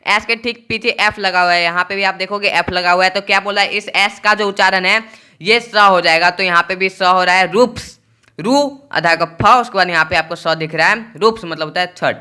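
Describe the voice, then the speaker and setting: A man teaching a pronunciation lesson, spelling out letters slowly and repeating each point. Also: high voice, steady tone, sharp tone, smooth.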